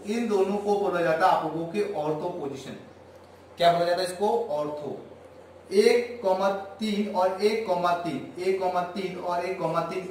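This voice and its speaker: A man's voice: sits high, a little mellow, a little hiss or hum. A man teaching a chemistry class as a lecture. He counts aloud and asks the class questions, then answers them himself. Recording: very echoey room, voice far from the mic.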